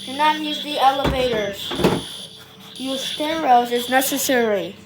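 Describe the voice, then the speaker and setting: Woman, prerecorded fire alarm evacuation announcement, loudspeaker from across the room, calm public address, measured and repetitive. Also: high voice, very noisy. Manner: slow, measured, repeats each instruction. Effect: prerecorded fire alarm evacuation announcement over a loudspeaker.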